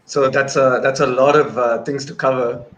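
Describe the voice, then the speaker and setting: A man in his thirties, a filmmaker who grew up in Bahrain and Malaysia, recounts his career as a guest in a conversational interview. He joins by video call from an indoor room, using wired earphones, so the audio is noisy. His mid-range voice keeps a level tone at normal speed and sounds a bit bright.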